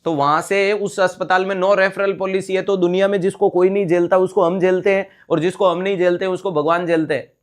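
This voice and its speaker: A man's voice: sits high, fairly even intonation, brisk. A man teaching a live online nursing exam class, explaining step by step, repeating key terms and checking that students follow. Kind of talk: online exam-prep lecture.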